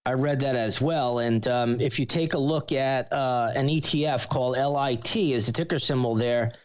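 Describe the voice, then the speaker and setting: This is a man with a mid-range voice at normal speed, a market analyst who regularly guests on a show. His commentary is chatty and explains things.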